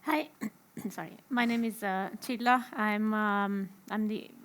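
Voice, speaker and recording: A woman's voice: medium pitch, slow, a bit bright. A woman from Romania, introducing herself on a panel as a human rights activist.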